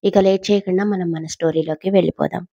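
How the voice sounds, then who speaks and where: A woman's voice: on the low side, steady tone, fast talker, gravelly, dark tone, dry recording, highs cut off. A woman narrating a serialized family drama audio story and greeting her channel listeners in a friendly way.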